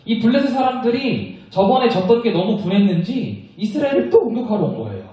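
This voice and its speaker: A young man tells a Bible story to children in an animated children's-sermon style, often stopping to ask them questions. His voice sits high and swings widely, with a mellow, soft edge. He is heard from some distance in an echoey church room. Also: a little fast. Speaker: children's ministry preacher.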